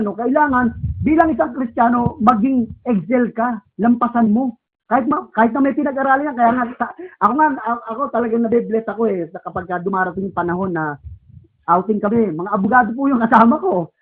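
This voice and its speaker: A man preaching a conversational Sunday sermon in church, often asking the congregation rhetorical questions and prompting a reader through verses. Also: very high-pitched. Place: church service. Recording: tinny phone-like sound.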